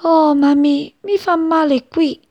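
A woman doing a squeaky little baby bird. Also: fairly even intonation, takes it slowly, darkish tone, no room sound. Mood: hurting. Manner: high, chirpy, pleading. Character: young male chick, hurt and eager.

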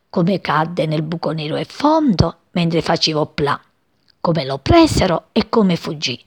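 A woman reading a children's story aloud in an expressive, lively way. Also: lowish voice, slightly rough. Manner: expressive, addresses children directly.

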